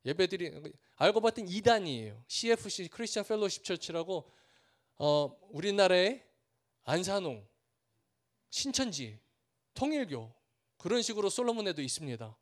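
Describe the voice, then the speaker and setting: Earnest high-voiced Korean missionary preacher. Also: male voice, very animated, moderate pace. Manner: earnest, rising and building in repeated phrases, acting out villagers' lines. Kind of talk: sermon with storytelling.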